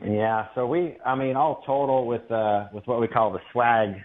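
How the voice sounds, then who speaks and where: A man calling in to a local radio show. He talks casually about his business, pausing often with "uh". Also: medium pitch, steady tone. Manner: hesitant, many "uh" fillers. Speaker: caller, local business owner. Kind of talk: casual call-in chat. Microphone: telephone. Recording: tinny phone line.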